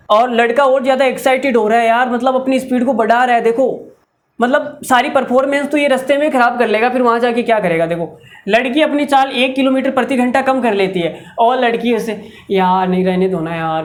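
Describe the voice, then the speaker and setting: A man teaching a maths video lesson, chatty and playful, breaking into jokes between the working steps. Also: extremely high pitch. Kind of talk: video lesson with comic asides.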